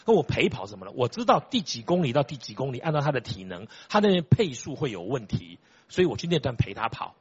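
A man's voice: medium pitch, big pitch swings, quick pace, slightly rough, dull audio. An older man, a church elder, preaching with emphatic storytelling, repeating phrases and asking the listeners rhetorical questions. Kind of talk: sermon.

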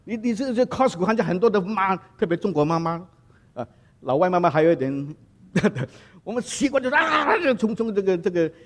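A man preaching a sermon, telling lively stories and dropping words into his talk. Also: sits high, quick pace. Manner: lively storytelling, mixing in English words. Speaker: pastor.

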